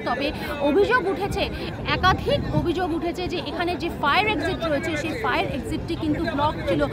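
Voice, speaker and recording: A woman field reporter giving an on-scene news report outdoors at a fire. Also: very high voice. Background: crowd noise.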